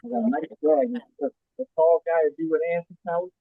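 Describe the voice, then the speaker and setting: A man on a video call whose sound comes through muffled and bass-heavy, chatting quickly and offhand to someone off the call. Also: lively intonation, gravelly, breathy edge, no room sound. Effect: muffled, bass-heavy sound from a bad call mic. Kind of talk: casual chat.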